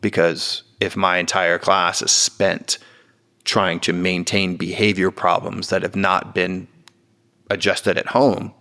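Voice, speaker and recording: A man in his forties, a kids' coach and gym owner, talking in a measured, firm way as an interview guest. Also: deep voice, little pitch movement, bright, forceful tone. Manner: measured and firm, agreeing with short affirmations. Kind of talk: casual interview talk.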